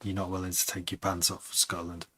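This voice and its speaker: A man's voice: deep voice, monotone, fast, pushed and bright, poor audio. A man who produces music, chatting casually on a live stream, rambling and hesitant with many restarts.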